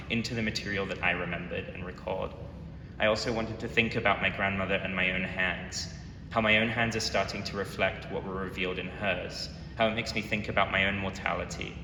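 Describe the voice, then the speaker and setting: A young Londoner, an artist, gives a gallery talk about his work in an earnest, reflective way, his voice slightly low. It sounds like a museum presentation, captured by a distant mic in an echoey hall with a steady rumble of background noise.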